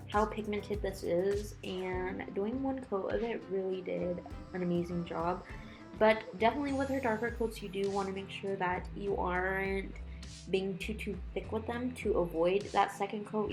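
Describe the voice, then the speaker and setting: A woman with a lisp that slurs her s sounds, talking in a casual, rambling way as she narrates a nail tutorial. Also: medium pitch. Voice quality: lisp with slushy s sounds from new dental work. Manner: chatty, rambling, informal. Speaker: nail art video creator. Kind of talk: casual chatty tutorial voice-over. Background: music.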